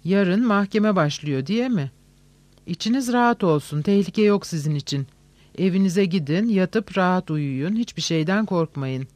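A pale sickly servant, mocking and quietly scornful, dry close voice, read by a man, story reading. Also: high-pitched, animated, normal speed, dry recording. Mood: contemptuous. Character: sickly sneering former male servant, contemptuous.

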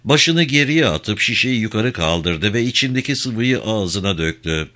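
A man narrating a crime novel audiobook with a lively, expressive reading. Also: on the low side, a little slow.

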